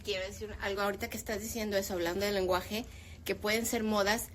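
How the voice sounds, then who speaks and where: A woman's voice: medium pitch, fast, a little hiss or hum. A woman in her fifties, a teacher, talking about language in a casual discussion and giving her opinions with animation. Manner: opinionated, animated when making a point.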